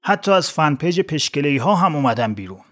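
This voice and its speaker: A man voicing a despairing, self-pitying fat man who talks in a weary, pleading, low-key way. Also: very animated.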